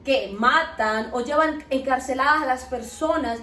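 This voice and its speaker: High-voiced woman preaching. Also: measured pace. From Colombia. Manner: earnest, steady and exhorting, with rhetorical questions. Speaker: podcast host teaching Bible principles. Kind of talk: preaching talk. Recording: echoey, distant mic, faint music behind.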